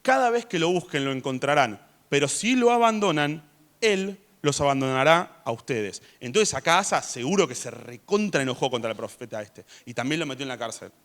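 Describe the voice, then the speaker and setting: A man preaching a sermon in church, chatty in tone and rising to loud emphasis when he reads scripture. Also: mid-range voice, expressive, fairly quick.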